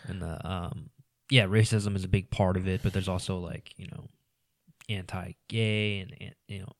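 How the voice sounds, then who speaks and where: A man's voice: low voice, fairly even intonation, normal speed, no echo. A man talking as a guest on a casual podcast, rambling with many "you know"s and trailing into mumbles.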